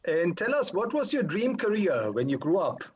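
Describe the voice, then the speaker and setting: A man hosting an interview, asking polite, measured questions. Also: high-pitched, big pitch swings, slightly rough, dull audio. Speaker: interviewer, host.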